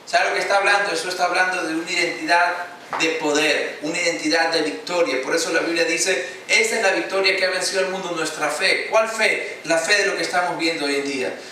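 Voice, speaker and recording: A man's voice: a little high, fairly quick, pushed and bright, a little hiss or hum. A male pastor preaching a sermon in an emphatic way, calling out to the congregation and waiting for them to answer. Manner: emphatic preaching with call-and-response. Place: church hall. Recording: echoey church hall from a distance.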